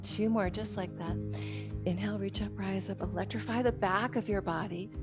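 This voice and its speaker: A woman's voice: mid-range voice, fairly even intonation, moderate pace. A woman yoga instructor guiding a class with short, repeated instructional cues and counts. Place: online class, instructor watching students on a monitor. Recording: background music with plucked guitar.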